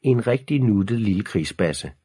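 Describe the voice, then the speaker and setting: A man's voice: on the low side, lively intonation, mellow, breathy edge, dry recording, clean studio sound, voice pushed up. A man voicing a bratty little girl who squeals and whines, in an audiobook reading. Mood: squealing. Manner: squealing, whiny. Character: bratty shrill little girl, doting on animals.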